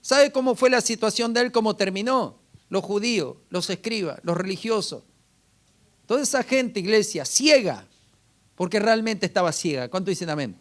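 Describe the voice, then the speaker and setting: A man's voice: high voice, lively intonation, moderate pace. A man preaching a sermon as pastor, often calling out to the congregation with rhetorical questions.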